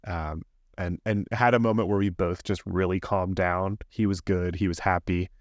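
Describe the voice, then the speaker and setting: Low-voiced dad telling a candid story. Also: male voice, fairly even intonation, moderate pace, no echo. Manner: rambling, candid storytelling with laughs. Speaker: podcast co-host. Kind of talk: casual chat.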